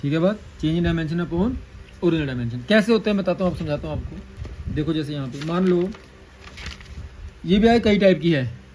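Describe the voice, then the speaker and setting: Male teacher, high pitch, lecture delivery with slow dictated formulas and repeated terms; faint noise under the track. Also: animated, darkish tone, poor audio. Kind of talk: classroom lecture on engineering.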